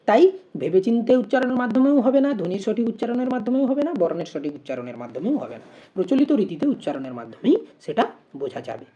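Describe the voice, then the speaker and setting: A woman's voice: medium pitch, very animated, quick pace, warm tone, muffled recording. A woman teaching an exam-prep lesson. She reads out multiple-choice questions and options, then explains each answer step by step and poses rhetorical questions.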